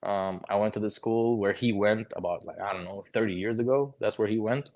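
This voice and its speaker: A low-voiced, laid-back Lebanese man in his twenties, an HVAC technician appearing as a podcast guest, tells stories briskly and casually. He says "bro" and "like" a lot and acts out the conversations he quotes.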